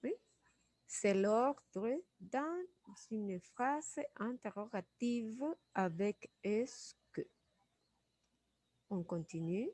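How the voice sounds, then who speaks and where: A woman's voice: medium pitch, animated, very slow, long pauses, a little mellow, no room sound. A woman teaching French grammar, patiently repeating each example and checking with "oui". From Venezuela. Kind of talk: slow classroom explanation.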